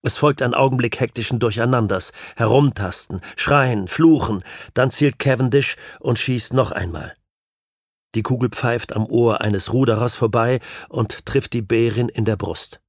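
A man reading a novel aloud as an audiobook narrator, in measured, even storytelling. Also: medium pitch, no echo, studio quality. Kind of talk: scripted literary narration.

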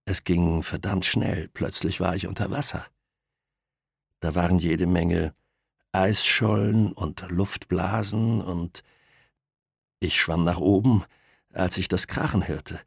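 Man doing a hushed, shaken survivor. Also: sits low, steady tone, takes it slowly, gravelly, long pauses, husky, no echo, studio quality, full character voice. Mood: broken. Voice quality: hushed, trembling. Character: dazed injured man, trembling and broken.

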